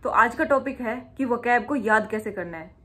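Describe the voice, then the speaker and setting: A woman's voice: a little high, normal speed, pushed and bright. A young woman gives casual, self-mocking exam study tips, full of homely memory tricks. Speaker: exam prep tutor.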